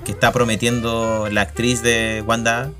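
A Chilean man chats loosely about a TV show, slangy and jokey, at a middle pitch. He breaks off his own sentences and restarts them. Soft music plays faintly underneath. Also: flat delivery, measured pace. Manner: slangy, joking, self-interrupting. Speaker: podcast co-host. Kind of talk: casual chat about a TV series.

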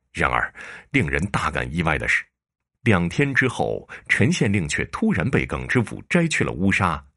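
Very deep, gravelly male storyteller. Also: sharp tone. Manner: measured, dramatic narration. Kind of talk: Chinese storytelling narration.

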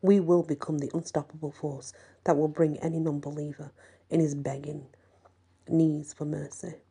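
A woman voicing a gloating evil male sorcerer in a horror story, speaking slowly and drawn out. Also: low-pitched, flat delivery, warm tone, breathy edge, full character voice.

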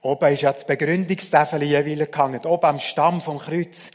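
A man preaching a sermon, telling the story dramatically and swinging from loud to hushed. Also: on the high side, steady tone, brisk, long reverb tail.

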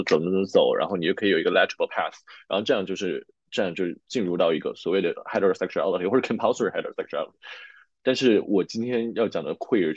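A man's voice: deep voice, darkish tone, husky, no room sound. A man hosting a podcast who talks through his readings in a reflective, casual way, mixing Chinese and English. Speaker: podcast host. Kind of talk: casual academic chat. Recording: dull, dry sound.

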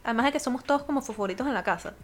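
Chatty Venezuelan woman, fairly high voice. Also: racing. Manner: chatty, slangy, animated storytelling. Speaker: podcast co-host. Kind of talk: casual chat.

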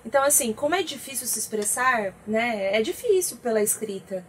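A woman co-hosting a talk show, talking in a lively, chatty way. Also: on the high side, fairly quick, a little hiss or hum. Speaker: co-host. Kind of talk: casual talk show chat.

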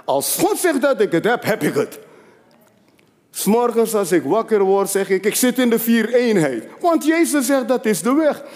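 A man preaching a sermon as an apostle, emphatic, swinging between low confiding asides and loud rising declarations. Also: very animated, moderate pace, long reverb tail.

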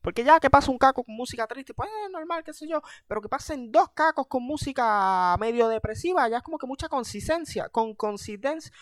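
A young man with a Puerto Rican accent doing an animated, self-mocking comedic monologue as a podcast host, heavy on slang. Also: extremely high pitch, fairly quick, hardly any pauses, no echo, studio quality.

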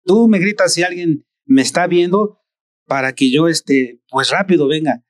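Un hombre que hace la voz de un padre que roba sandías, con tono desconcertado e interrogante. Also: male voice, on the high side, unhurried, no room sound, studio quality, lightly acted. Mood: instructing. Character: father out stealing watermelons, puzzled.

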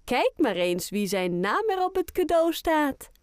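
A woman's voice: sits high, big pitch swings, measured pace, no echo, clean studio sound, voice pushed up. Woman doing a sing-song, doting grandma. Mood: fond. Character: warm, playful grandmother who loves singing. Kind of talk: children's audiobook character voice.

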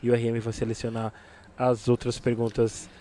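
A man's voice: mid-range voice, monotone, normal speed, mellow, a little hiss or hum. A man with a Brazilian Portuguese accent hosting a casual podcast chat in slangy speech, often repeating short affirmations. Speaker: podcast host.

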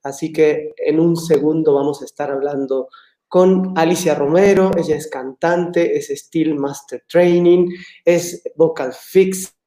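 A man from Latin America, living in Mexico, hosts a casual live online talk, warmly reading out greetings from viewers. His voice is a little high, steady, warm, and a bit slow. The room sounds echoey.

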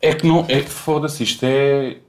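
A man's voice: medium pitch, steady tone, normal speed, a little hiss or hum. A young man, chatting casually in a rambling, slangy way full of swearing. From Portugal. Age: young adult. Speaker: podcast co-host. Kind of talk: casual chat.

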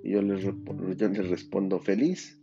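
Deep-voiced man, reflective coaching talk. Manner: unhurried and thoughtful, with many hesitations and restarts. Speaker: life coach. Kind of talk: reflective spoken monologue. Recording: dull lo-fi audio over clear guitar music.

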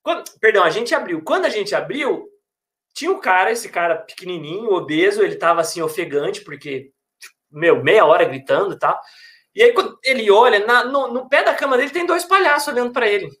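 A man who works as a hospital clown and researcher, talking in a casual, animated, slangy way. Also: sits high, a little fast. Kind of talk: casual conversation.

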